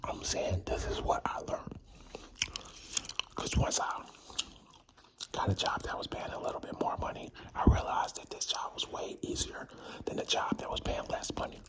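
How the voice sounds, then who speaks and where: A man's voice: moderate pace, pauses often. A man whispering a rambling, slangy, informal ASMR talk while chewing gum, with mouth sounds. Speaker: ASMR creator.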